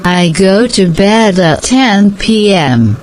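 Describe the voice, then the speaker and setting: A woman giving slow, scripted answers in a repeated language-practice dialogue. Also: mid-range voice, expressive, a little mellow, slight background noise, rough recording.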